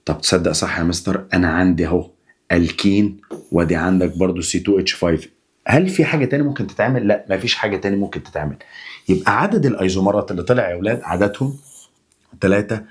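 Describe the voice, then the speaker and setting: A husky young man with an Egyptian accent rattles through a chemistry review at speed. He keeps his pitch low and coaxes the class along. He also answers his own questions in the students' voice. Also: quick pace. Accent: Egyptian Arabic. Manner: chatty, plays both teacher and student, coaxing. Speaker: chemistry teacher. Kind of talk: energetic exam-review lesson.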